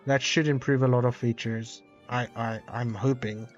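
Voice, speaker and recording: A man live-streaming a game and chatting along as he plays, his talk rambling, stop-start and playfully dramatic. His voice sits at an ordinary middle pitch. The audio is a little dull and lo-fi, with faint game music underneath. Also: steady tone, moderate pace. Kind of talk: casual live-stream chat while gaming.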